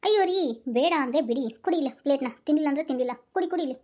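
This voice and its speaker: A woman's voice: high-pitched, rapid-fire, darkish tone, a little hiss or hum, close to an everyday voice. A woman voicing a bossy young wife in a Kannada cartoon, with a North Karnataka accent, scolding and coaxing by turns. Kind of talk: cartoon voice acting.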